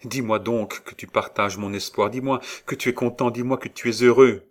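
A man's voice: on the low side, normal speed, close to an everyday voice. A man reading a novel aloud, voicing a devoted young woman in an impassioned, eager way. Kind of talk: audiobook reading of a classic novel.

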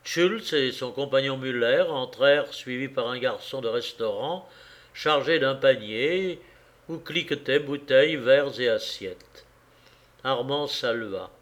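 A man with a medium-pitched voice narrates a novel as an audiobook, telling the story in a steady, measured way.

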